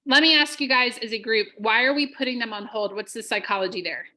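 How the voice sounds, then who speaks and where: A woman's voice: a little high, fast talker, bright, forceful tone, low-quality recording. A woman leading a live online sales training, energetically drilling scripted phrases with her group.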